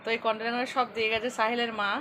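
A woman's voice: on the high side, little pitch movement, rapid-fire, noisy background. A woman with a Bengali accent chatting to viewers in a home vlog, recorded on a phone at home. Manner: chatty, addresses viewers directly. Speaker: vlogger. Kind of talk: casual home vlog chat.

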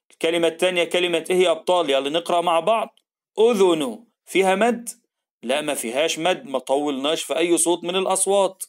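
Encouraging Egyptian teacher, higher voice. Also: male voice. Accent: Egyptian Arabic. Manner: encouraging, drawn-out syllable modeling. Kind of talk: children's phonics lesson.

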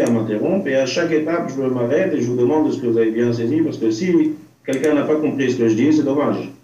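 A rabbi with a mellow, mid-range voice teaches an informal religion class over a remote video call. He sounds hesitant, repeats himself and checks that he's understood, and the audio has a dull, roomy, distant online-call quality.

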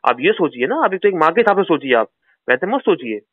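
A man on a phone call, urging and advising a distressed caller in a forceful, repetitive way. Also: on the high side, sing-song, fast. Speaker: channel host giving advice to a caller. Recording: tinny phone line.

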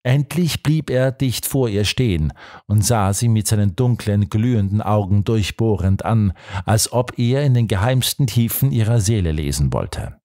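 A man narrating a classic detective story as an audiobook, in a measured, dramatic way. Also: fairly low pitch, expressive, dark tone, no room sound, studio quality. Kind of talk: scripted literary narration.

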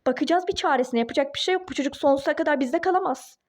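A woman voicing a calm, soothing young husband in a toy-game role-play drama, talking in a reassuring way. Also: high-pitched, rapid-fire, close to an everyday voice. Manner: calming, reassuring.

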